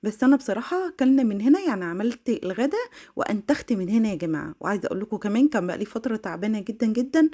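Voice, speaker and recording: A young woman with an Egyptian Arabic accent, talking to her viewers in a chatty cleaning vlog. She rushes and laughs as she speaks. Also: medium pitch. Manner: fast, excitable, laughing, addresses viewers directly. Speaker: home vlogger.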